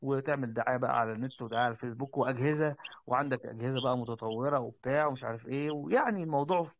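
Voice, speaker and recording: With no room sound behind him, a man with an Egyptian Arabic accent talks rapid-fire in a mid-range voice. He's the host of an online group call, a doctor loosely advising younger colleagues, and he rambles and repeats his words.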